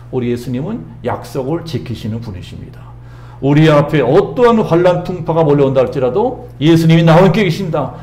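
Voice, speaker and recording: A man's voice: a little high, darkish tone, echoey room. A middle-aged man preaching a sermon as pastor, emphatic and repetitive, raising his voice when he quotes.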